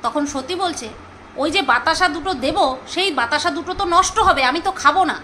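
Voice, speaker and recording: Bright high-voiced chatty woman. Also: expressive, quick pace, slight background noise, poor audio. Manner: chatty, gossipy, searches for names aloud. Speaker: vlogger reviewing a serial. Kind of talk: casual chat to viewers.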